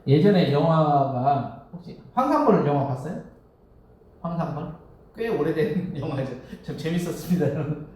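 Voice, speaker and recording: A man preaching a relaxed Sunday sermon, his voice fairly high and swinging widely in pitch as he quizzes the congregation and chuckles along the way. He is heard from a distance across a very echoey temple hall. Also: moderate pace. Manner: conversational, asks the congregation questions, chuckles often. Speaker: Won Buddhist minister.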